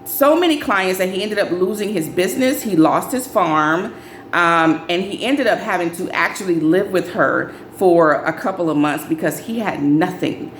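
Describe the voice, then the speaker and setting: A young adult woman telling a casual dating storytime, acting out quoted lines in a raised, animated voice. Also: normal speed, slight background noise. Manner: animated, acts out friends' lines in higher voices. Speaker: storyteller vlogger. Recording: echoey room with faint ambience.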